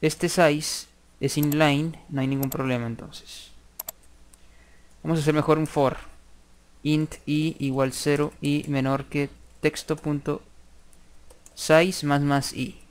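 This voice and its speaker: A man giving a screen-recorded programming tutorial, thinking aloud and dictating code slowly as he types. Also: on the high side, level tone.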